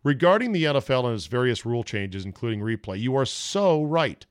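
With big pitch swings and a slightly fast delivery, a medium-pitched man reads listener emails in an easygoing, freewheeling solo podcast. He's in his fifties and works as a podcast and sports radio host, and the sound is clean studio audio without any room sound.

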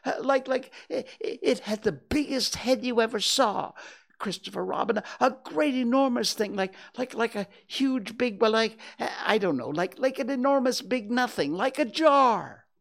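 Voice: mid-range voice, wildly swooping pitch, drawn-out words, vocal fry, hardly any pauses, pitched above the performer's own voice, full character voice. A storybook reader voicing a small, timid piglet who stammers breathlessly and frantically. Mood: breathless, flustered. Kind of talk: acted children's storybook reading.

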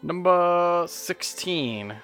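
A man's voice: high-pitched, lively intonation, a bit bright, soft background music. A man playing a riddle game in casual chat, cracking jokes at his own guesses. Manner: joking, quick with wisecracks. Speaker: podcast co-host, game player.

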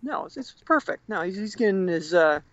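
A man's voice: high voice, expressive, brisk, fairly bright tone. A good-natured man chats casually over a phone set to speakerphone. The sound is muffled and dull with no room echo, as if from a phone held in a parked car. He talks in an easygoing way and now and then stumbles over his words. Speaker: jiu-jitsu student, friend of a guest. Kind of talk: casual chat.

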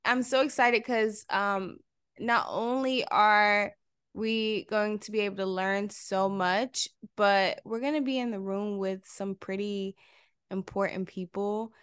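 A woman hosting a podcast, asking questions in a halting casual way with many fillers. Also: mid-range voice, fairly even intonation, a bit bright, smooth, dry recording, studio quality. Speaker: podcast host. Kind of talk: casual interview chat.

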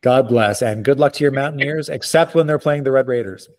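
A man speaking as an expert interview guest, explaining in articulate, measured, formal phrasing. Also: medium pitch.

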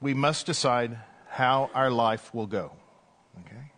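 Here a man preaches slowly in a mid-range voice, serving as an Anglican priest at a church pulpit mic. The tone is conversational, marked by gentle jokes and filler "uh"s.

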